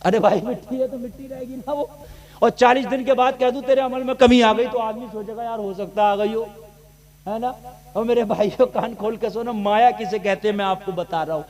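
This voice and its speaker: A man preaching a sermon in a storytelling way, dropping to a hush and then building up to shouted peaks. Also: very high-pitched, steady tone, fairly quick.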